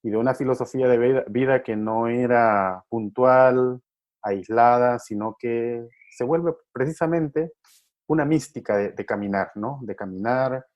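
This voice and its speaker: A man's voice: medium pitch, unhurried, darkish tone, muffled recording. Hesitant, reflective Honduran-born man. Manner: hesitant, many fillers and repeated words. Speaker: facilitator of men's groups. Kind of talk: reflective conversation.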